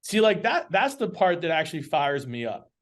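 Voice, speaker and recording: A man who runs an agency, a podcast guest in casual interview talk, earnest and animated and quick to laugh, heard over a video call. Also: a little high.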